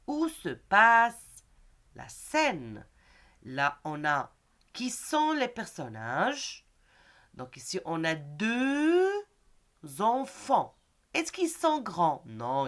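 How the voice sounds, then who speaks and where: Middle-aged woman teacher, unhurried, melodic. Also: lowish voice. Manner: patient, repeats "d'accord?" after each point. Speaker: primary school teacher. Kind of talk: recorded lesson for teachers and pupils.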